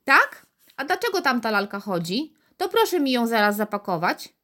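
A pushy, impatient mother from a children's storybook who orders the shop assistant around. Her tone is raised and bossy, with lively swings, voiced by a woman reading aloud. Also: fairly high pitch, normal speed, pitched above the performer's own voice. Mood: indignant. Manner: bossy, indignant.

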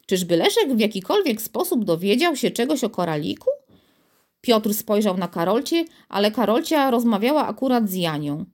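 A woman narrating a children's book as an audiobook, with expressive storytelling. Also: mid-range voice, normal speed.

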